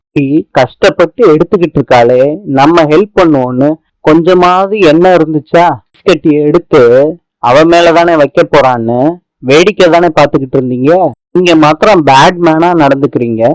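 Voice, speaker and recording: A man's voice: fairly high pitch, moderate pace, no room sound, natural voice, low-quality recording. A man voicing a quarrelsome young wife, scolding in a dry, close voice. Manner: scolding, argumentative. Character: young woman, sharp-tongued quarrelsome wife.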